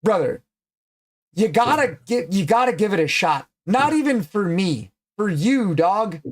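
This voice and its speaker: Measured in pace, his high-pitched voice has a sing-song quality. He's a man hosting a livestream, casually chatting, cursing plenty, and bluntly teasing his guest.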